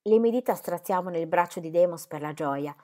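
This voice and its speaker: A woman narrating an audiobook of a historical novel, with an expressive, even reading. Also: on the low side, brisk. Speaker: audiobook reader.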